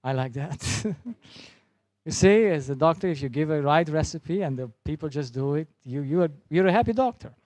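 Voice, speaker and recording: A man's voice: fairly high pitch, expressive, normal speed, darkish tone, no echo. A man speaking English as a non-native with German as his first language, giving a sermon-style talk and telling a story as a doctor, with some broken grammar.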